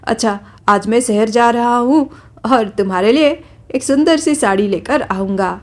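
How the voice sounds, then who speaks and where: Woman voicing a cheerful young cartoon husband, high, upbeat. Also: a little slow, a little hiss or hum, natural voice. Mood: friendly.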